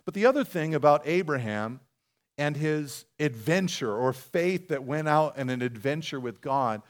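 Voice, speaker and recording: Conversational preaching man, higher voice. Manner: conversational preaching with rhetorical questions to the congregation. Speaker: pastor. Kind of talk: sermon. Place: church sanctuary.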